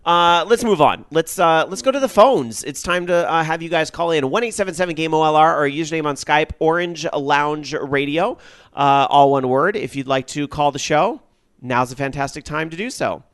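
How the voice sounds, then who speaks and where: A man hosting a casual gaming radio show, reading tweets and taking calls, his voice jumping up when excited. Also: on the high side, moderate pace, clean tone, no echo, studio quality. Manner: excitable, voice jumps up when happy. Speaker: podcast host.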